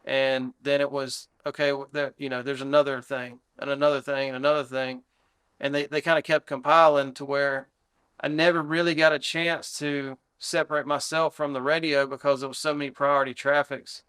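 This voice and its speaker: A man's voice: mid-range voice, little pitch movement, normal speed, fairly bright tone, smooth. An American man, a fire battalion chief, recounting an incident in a plain-spoken, conversational interview style. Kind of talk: interview recollection.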